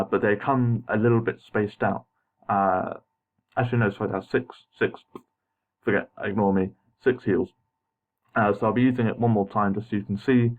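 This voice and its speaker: A young man with braces slightly muddying his words, giving hesitant, apologetic, casual gaming commentary as an unscripted voice-over. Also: fairly low pitch. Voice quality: slightly muffled articulation from wearing braces. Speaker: gameplay video narrator. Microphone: voice-over recorded over game footage. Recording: muffled phone-like home voice-over.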